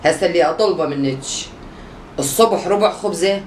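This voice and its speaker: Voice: medium pitch, fairly quick, recorded from a distance, close to an everyday voice. A short-tempered diet doctor with an Iraqi accent barks curt orders in a comedy sketch, as a performer plays him. The voice sits back from the mic in an echoey room. A faint hiss runs underneath. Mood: instructive. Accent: Iraqi Arabic. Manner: curt, brusque.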